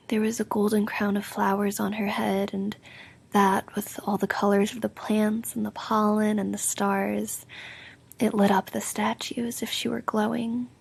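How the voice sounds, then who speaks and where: A woman performs an ASMR role-play as a drowsy, affectionate girlfriend. Her soft voice is very breathy and often creaky. She speaks slowly and intimately, drifting from one phrase to the next. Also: mid-range voice. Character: affectionate sleepy girlfriend recounting a dream. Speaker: roleplay audio performer playing a sleepy girlfriend.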